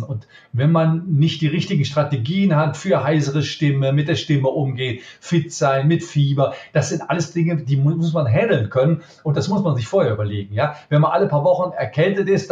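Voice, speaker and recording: A middle-aged magician from Cologne with a Cologne accent, answering interview questions emphatically and tagging points with quick questions. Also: male voice, a little high. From Cologne, Germany. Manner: emphatic, lively, frequent "ja?" tag questions. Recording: roomy, dull lo-fi sound.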